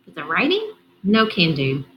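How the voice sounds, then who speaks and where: A woman's voice: on the low side, wildly swooping pitch, moderate pace, dull audio, a little hiss or hum. A woman reading the part of an easygoing teenage big brother who works on cars and teases his sister. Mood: joking. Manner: joking, teasing.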